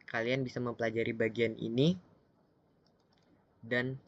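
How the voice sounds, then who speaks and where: A man's voice: medium pitch, little pitch movement, muffled recording. Patient man drilling Mandarin syllables. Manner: slow, patient, with many pauses and fillers; drills syllables aloud in repeated pairs. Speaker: Mandarin pronunciation teacher. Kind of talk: slide presentation lesson.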